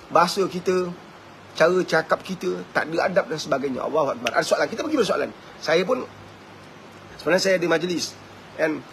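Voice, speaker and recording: A man with a Malaysian Malay accent giving a live-streamed religious talk, animated and chuckling, always asking his listeners whether they agree. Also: sits high, a little hiss or hum. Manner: animated, keeps asking the audience "right?"; chuckles often. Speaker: preacher.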